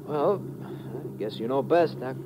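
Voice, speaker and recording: A man's voice: medium pitch, measured pace, lightly acted. An American man playing a folksy army sergeant with a slangy, blunt way of talking in a 1950s radio drama. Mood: easygoing, unsure. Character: folksy, easygoing male army sergeant at checkpoint. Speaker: supporting actor. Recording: noisy vintage radio recording.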